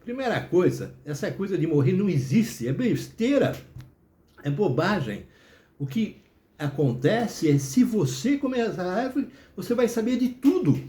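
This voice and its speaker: A man's voice: sits high, big pitch swings, normal speed, dark tone, voice pushed up. A man voicing a small fire-puffing dragon, a cocky helper who talks in a brash, know-it-all way. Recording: roomy echo.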